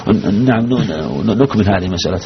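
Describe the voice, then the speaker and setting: Male sheikh, religious law lesson, fast delivery, questions to the class, dull lo-fi recording, faint hiss. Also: on the low side, expressive. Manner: poses questions to the class, repeats key phrases.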